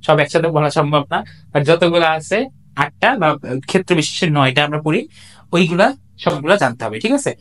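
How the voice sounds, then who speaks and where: A tutor talks through exam answers in a recorded lecture, at a middling pitch. Each point comes with rhetorical questions and quick checks that listeners are following. English example sentences are read out slowly and deliberately. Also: a bit bright. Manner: explains step by step, asks rhetorical questions, checks understanding. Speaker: English tutor for admission exams.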